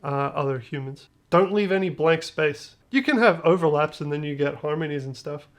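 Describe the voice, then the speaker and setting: In this casual screen-share tutorial on music production, the male host talks at a moderate pace in a fairly high voice. He keeps it loose and jokey, using slang and leaving phrases trailing.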